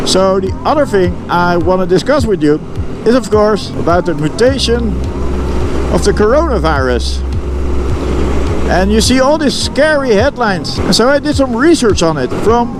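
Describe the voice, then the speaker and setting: High-voiced Dutch man talking inside a helmet. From Netherlands. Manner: halting, informal, searches for English words. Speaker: vlogger. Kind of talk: casual motovlog monologue, thinking aloud. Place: inside a helmet, riding a motorcycle outdoors. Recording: voice inside a motorcycle helmet, music underneath.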